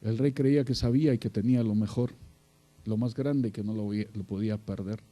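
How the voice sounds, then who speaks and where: A man preaching a sermon, addressing his listeners as brother and swinging between loud exclamations and quiet asides. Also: on the low side, fairly even intonation, fairly quick.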